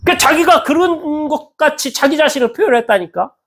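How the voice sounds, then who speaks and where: A male pastor preaching a sermon in a church, animated and acting out the voices of people he quotes. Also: extremely high pitch, normal speed. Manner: animated, acts out quoted speech with lively swings in tone.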